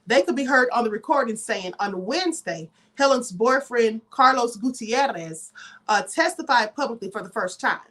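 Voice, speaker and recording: A woman's voice: fairly high pitch, lively intonation, normal speed, fairly bright tone. Emphatic, chatty woman commentator. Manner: emphatic, chatty, frequent asides and "honey". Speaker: host of a live news commentary channel. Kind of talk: live commentary and reading news aloud.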